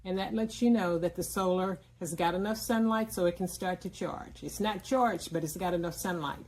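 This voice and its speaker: A product reviewer gives a casual product demonstration, explaining things in plain words and often pausing mid-sentence. Her voice sits lowish, with a darkish tone.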